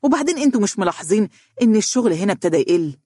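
The narrator voicing a sly young male co-worker who talks fast and mockingly, in Egyptian Arabic. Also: medium pitch, big pitch swings, dark tone, dry recording, voice pushed up. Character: young man co-worker, sly and money-minded.

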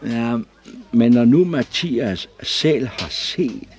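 A man's voice: medium pitch, expressive, darkish tone, pitched above the performer's own voice, lightly acted. A man doing a mild, kindly father. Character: gentle devout father, middle-aged.

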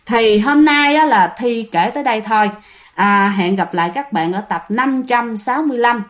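A woman's voice: on the high side, moderate pace. A woman with a Southern Vietnamese accent telling a ghost story in a chatty, casual way, speaking straight to her listeners and correcting herself as she goes. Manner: chatty, addresses listeners directly, self-correcting.

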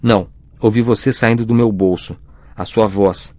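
A man voicing a flustered teenage boy wizard who tells his story in a hurried, defensive way in an audiobook. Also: lowish voice, steady tone, a little mellow, no echo, lightly acted. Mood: earnest.

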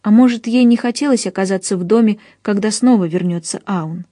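A woman narrates a storybook in the first person with expressive pacing. Her voice is mellow and warm-toned, recorded dry and close to the mic. Her pitch sits in a middle range. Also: fairly quick, no echo. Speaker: audiobook narrator. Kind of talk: scripted audiobook narration.

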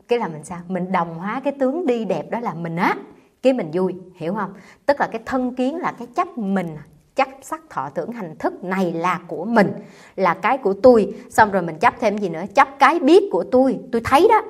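Lively nun teaching. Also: female voice, mid-range voice, slightly rough. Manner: lively, conversational, quizzing listeners with rhetorical questions. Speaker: Buddhist nun teaching sutra class. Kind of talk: dharma talk to a live audience.

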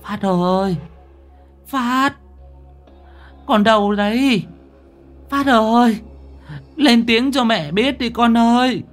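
A man voicing a blind old mother calling out and sobbing for her son, with a high, cracking voice. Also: takes it slowly, long pauses, faint music behind. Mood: calling, frantic.

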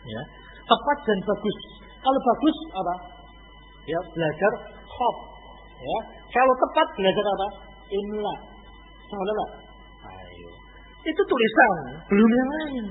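A man teaching an Islamic study lecture in a lively, conversational way, firing off rhetorical questions. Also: sits high, measured pace, long pauses, soft background music. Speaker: religious teacher. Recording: echoey hall over a tinny lo-fi line.

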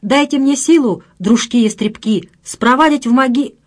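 Brief: a woman voicing a pompous, sepulchral male brute who rants and threatens in an audiobook. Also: a little slow. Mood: bombastic threatening. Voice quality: sepulchral booming voice. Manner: pompous bombastic ranting. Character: brutish ugly male extremist ranting ideologue.

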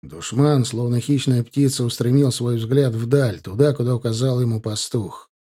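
A man narrating a story in a steady, dramatic way, as in an audiobook. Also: mid-range voice, normal speed, breathy edge.

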